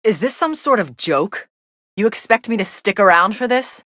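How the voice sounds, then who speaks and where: A woman playing a cool, sardonic young female android who commentates on fights in a video game, deadpan, dry and aloof. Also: mid-range voice, normal speed, no echo. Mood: scornful, irritated.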